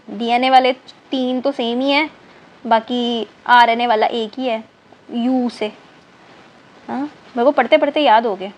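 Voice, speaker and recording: Woman teacher spelling out terms, higher voice. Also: rough recording. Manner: spells out words letter by letter, counts aloud and repeats terms; mixes in English terms and checks in with "thik hai na". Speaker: chemistry teacher. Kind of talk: online class lecture. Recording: faint background noise.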